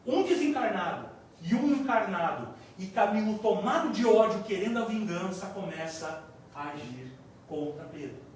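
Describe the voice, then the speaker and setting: A man giving a spiritist lecture, telling a story dramatically with big swings in loudness. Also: high voice. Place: lecture hall. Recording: echoey hall from far off, faint noise.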